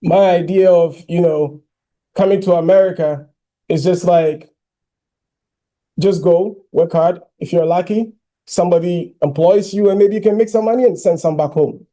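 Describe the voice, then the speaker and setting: High-voiced man giving a keynote. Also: moderate pace. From Ghana. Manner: animated storytelling, frequent "you know" fillers. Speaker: keynote speaker. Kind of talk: personal keynote speech.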